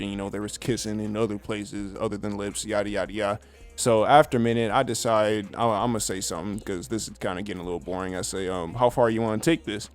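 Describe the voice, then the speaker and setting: Laid-back young man telling a story. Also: on the low side. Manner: laid-back slangy storytelling, heavy swearing. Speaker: storytime vlogger. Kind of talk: casual storytelling.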